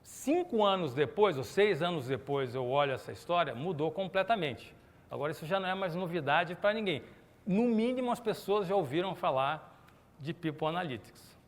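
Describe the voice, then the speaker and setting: In a lively corporate keynote, a middle-aged Brazilian man chats animatedly with a conference audience, asking questions and having people raise their hands. His voice leans high and he keeps a moderate pace. Long reverb from the conference hall fills the audio.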